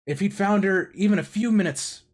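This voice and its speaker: A man's voice: high voice, fairly quick, voice pushed up. A man voicing a middle-aged small-town sheriff, with a cop voice that drifts southern. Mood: urgent.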